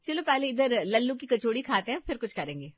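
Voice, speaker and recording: A woman voicing a nosy, hot-tempered elder sister-in-law from a cartoon story, with a higher voice and a pushy, sharp-tongued way of talking. The recording is dull and lo-fi. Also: big pitch swings, fairly quick, no room sound.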